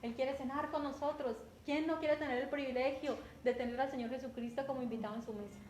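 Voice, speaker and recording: Una mujer con acento colombiano que predica un sermón en tono conversacional, repitiendo palabras y preguntando a menudo «¿cierto?». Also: female voice, high-pitched, steady tone, quick pace, a little mellow. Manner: conversational, repeats words, often asks "¿cierto?". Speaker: preacher. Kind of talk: sermon. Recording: echoey room with faint background noise.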